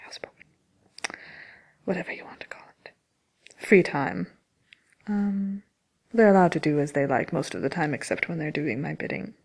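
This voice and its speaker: A woman's voice: low-pitched, creaky. A woman voicing a haughty, mischievous wicked witch in an in-character ASMR question-and-answer chat, sly, theatrical and dryly self-important. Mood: dry, matter-of-fact.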